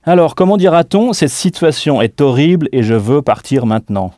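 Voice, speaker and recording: A man with a fairly high, dark-toned, expressive voice leads a scripted audio language lesson, recorded dry at studio quality. Slowly and deliberately, he models how words sound and spells them letter by letter.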